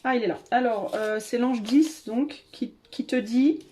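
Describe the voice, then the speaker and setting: A woman's voice: on the high side, unhurried, dark tone, a little hiss or hum. A woman giving a casual tarot reading to her viewers, chatty and hesitant, with many fillers and restarts. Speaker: tarot reader.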